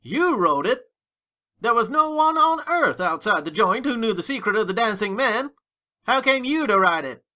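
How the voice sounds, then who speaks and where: A man's voice: very high voice, sing-song, moderate pace, pushed and bright, heavily acted. A man playing a hot-tempered, defiant American gangster in a dramatic audiobook reading, with slangy, emphatic delivery. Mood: agitated, suspicious.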